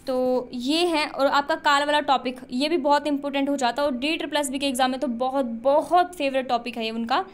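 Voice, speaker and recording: A woman teaching an online exam-prep lesson, explaining step by step and often asking her students questions before answering them. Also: sits high.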